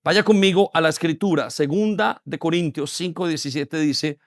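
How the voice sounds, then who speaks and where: High-voiced pastor preaching emphatically. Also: male voice, moderate pace, dry recording, clean studio sound. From Colombia. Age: 40s. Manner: emphatic preaching with repetition and rhetorical questions. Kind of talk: sermon. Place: church hall.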